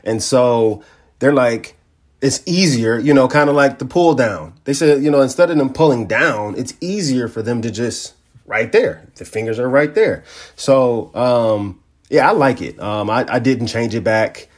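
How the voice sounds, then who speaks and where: Co-hosting a tech podcast, this man chats casually in a laid-back way, telling animated stories full of slang. His voice sits at medium pitch and moves a little slowly.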